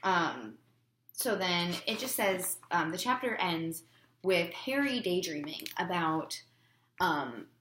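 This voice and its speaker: A woman's voice: on the low side, big pitch swings, slow, a bit bright, echoey room, a little hiss or hum. A woman teacher giving a chatty chapter review for her students, with lots of fillers.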